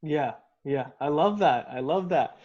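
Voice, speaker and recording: A man hosting an interview, asking questions in a relaxed, casual way. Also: on the high side, a little slow. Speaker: interview host. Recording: dull lo-fi audio.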